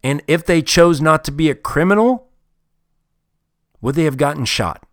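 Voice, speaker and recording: A man's voice: fairly high pitch, lively intonation, normal speed, no room sound, clean studio sound. A man giving a motivational talk, blunt and heavily profane, hammering home his points with emphasis. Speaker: motivational speaker.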